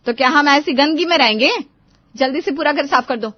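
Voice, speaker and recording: A woman's voice: sits high, fairly quick, natural voice. A woman voicing a bossy, lazy young daughter-in-law in a cartoon, ordering her mother-in-law around. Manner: bossy, mocking. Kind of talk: cartoon voice acting. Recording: dull lo-fi voice-over.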